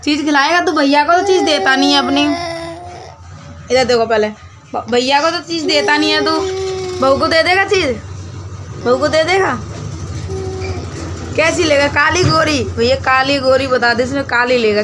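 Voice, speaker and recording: A woman's voice: high-pitched, moderate pace, pauses often, background noise. A woman vlogging casually at home, teasing a little child in a playful, chatty way, with an Agra Hindi accent. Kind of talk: casual home vlog chat.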